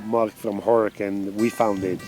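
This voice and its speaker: Italian-accented man, low and unhurried, halting English, faint guitar music behind. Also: flat delivery. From Italy. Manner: halting, simple non-native English with many fillers. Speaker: interviewed traveler. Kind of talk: casual interview.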